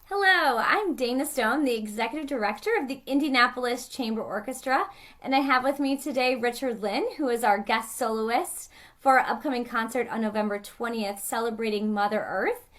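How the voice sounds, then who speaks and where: A woman's voice: a little high, moderate pace, a bit bright. A woman hosting an interview in a chatty conversational way, with occasional fillers. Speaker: interviewer, orchestra director.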